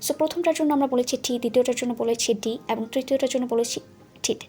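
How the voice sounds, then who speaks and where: A woman teaching pronunciation, who explains patiently and repeats each word slowly for learners. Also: sits high, dark tone. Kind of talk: explanatory language lesson.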